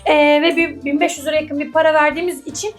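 A woman with a bright, high voice chats playfully in her home kitchen, teasing and laughing as she cooks. She talks casually to the camera and her husband. Background music plays clearly beneath her. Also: fairly even intonation, quick pace. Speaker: co-host of a couple's cooking channel. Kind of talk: casual cooking vlog chat.

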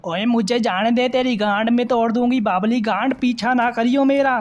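A man's voice: extremely high pitch, fairly even intonation, moderate pace, dull audio. A man putting on a rude swearing woman. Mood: annoyed. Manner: swearing, dismissive, shooing away. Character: foul-mouthed rude woman passerby in a game.

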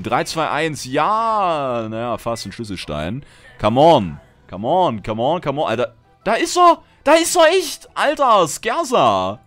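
A chatty male streamer from Germany talks through his game and reads viewers' messages aloud. His voice sits at an ordinary middle pitch but roams widely, going from low grumbling to sudden excited leaps. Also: a little hiss or hum. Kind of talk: casual livestream gameplay chat.

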